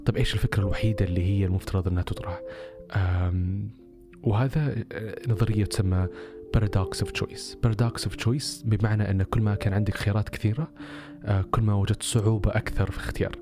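A man's voice: on the low side, steady tone, quick pace, over music. A man telling a personal story casually on a podcast, with many rhetorical questions.

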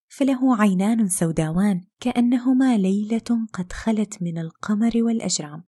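A woman narrating a fairy tale podcast episode in an expressive storytelling way. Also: medium pitch, husky.

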